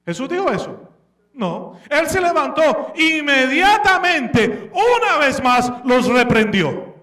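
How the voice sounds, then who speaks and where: A man's voice: extremely high pitch, big pitch swings, slow pace, bright, forceful tone. A man preaching a sermon with animation, asking the congregation questions and slipping English words into his speech. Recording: echoey room, distant mic.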